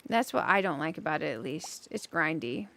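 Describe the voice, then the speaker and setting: Woman, game streamer, bright voice, animated pitch, chatty, thinks out loud. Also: moderate pace, gravelly. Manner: chatty, thinks aloud, giggly bursts. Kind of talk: casual gameplay commentary.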